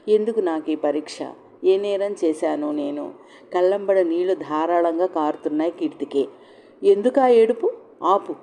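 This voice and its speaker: A woman's voice: lowish voice, mellow, slight background noise. A woman telling a scripted audio love story, reading every part herself with only slight voice shifts.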